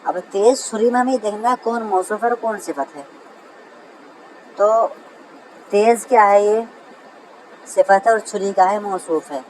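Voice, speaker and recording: A man teaching Arabic grammar in a lecture, who keeps calling his listeners brother, reads example sentences slowly and answers his own questions. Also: high-pitched, slight background noise, poor audio. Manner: asks a question and answers it himself. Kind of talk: classroom lecture.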